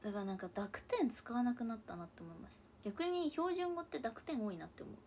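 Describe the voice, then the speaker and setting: A woman's voice: on the high side, expressive, brisk, a little mellow, slight background noise. Chatty young woman with Hakata-Kansai mix. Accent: Hakata dialect mixed with Kansai. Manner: chatty, drifts into murmured asides to herself. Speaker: idol livestreamer. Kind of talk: casual livestream chat. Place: room at home. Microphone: tablet or phone device.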